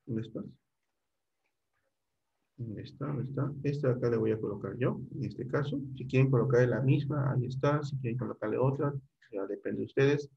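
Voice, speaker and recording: A man's voice: medium pitch, normal speed, vocal fry, slightly rough, lo-fi sound. A middle-aged man teaching a computer class online, guiding students step by step and checking in often.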